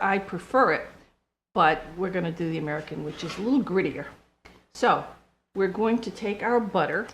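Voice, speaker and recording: Older woman, home baker, chatty homespun cooking demo, mid pitch, noisy clicky recording. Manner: chatty, homespun, explains step by step. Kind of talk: casual cooking demonstration.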